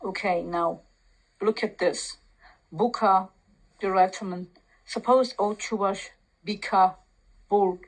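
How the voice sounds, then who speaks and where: A woman with a Turkish accent, a Turkish native speaker, reading aloud from a text and commenting on it with pauses, fillers and restarts. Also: medium pitch, steady tone, poor audio. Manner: reads aloud slowly, pausing, many fillers and restarts. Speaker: language commentator.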